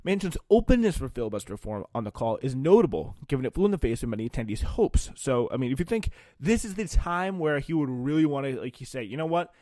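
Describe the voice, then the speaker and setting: A man reading news aloud and adding off-the-cuff political commentary in an informal, halting way. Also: mid-range voice, sing-song, warm tone, dry recording.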